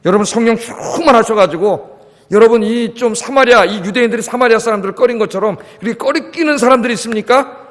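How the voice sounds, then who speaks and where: A man's voice: very high voice, fast. A pastor in his fifties preaching a sermon with emphasis, often asking his congregation questions. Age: 50s. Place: church sanctuary. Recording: long church hall reverb.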